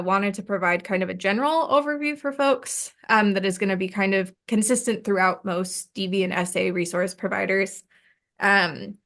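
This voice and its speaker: A woman's voice: mid-range voice, a bit bright. A woman hosting a community webinar on a video call, giving an overview in a casual way with frequent fillers. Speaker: session host.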